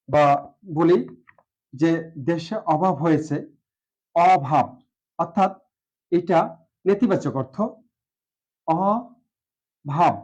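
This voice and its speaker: A teacher with a Bangladeshi Bengali accent lectures on pronunciation in a fairly high, slightly raised but mellow voice. He's slow and deliberate, drawing out each example word and filling pauses with "ah," and the recording is dull and lo-fi.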